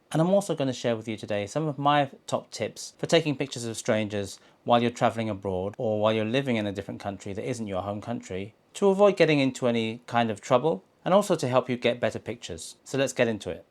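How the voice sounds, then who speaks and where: A man from England, hosting a casual talking-head photography vlog, speaking conversationally and often restarting or repeating words as he thinks. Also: mid-range voice. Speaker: street photographer, video host.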